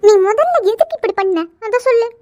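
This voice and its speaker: A woman's voice: very high voice, expressive, brisk, a little mellow, dry recording, highs cut off. A woman voicing chatty, teasing young college girl friends in a cartoon. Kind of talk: cartoon voice acting.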